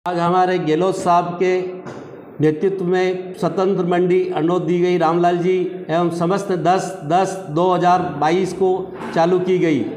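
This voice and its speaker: A man makes a public appeal in a high, flat-toned voice. The recording is echoey and reverberant. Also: a little slow. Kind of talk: public appeal to a news camera. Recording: echoey, long reverberant space.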